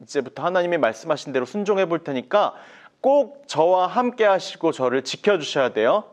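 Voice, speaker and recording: A man's voice: a little high, lively intonation, a little fast, natural voice. A man doing a fretful, pleading Moses. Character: anxious pleading male prophet Moses.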